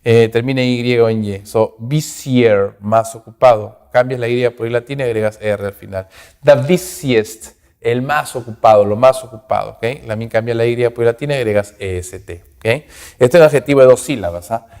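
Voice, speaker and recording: A man teaches English grammar in a recorded lesson, explaining in Spanish and giving English example words with translations, checking in with "ok?" after almost every point. He's rhythmic, repeating each word with its translation, in a clean, darkish, medium-pitched voice at normal speed. The recording is roomy with long reverb.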